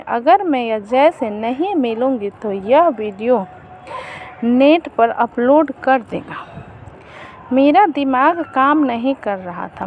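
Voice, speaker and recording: A woman narrating a first-person story in an earnest, measured manner. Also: sits high. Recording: muffled lo-fi recording with faint noise.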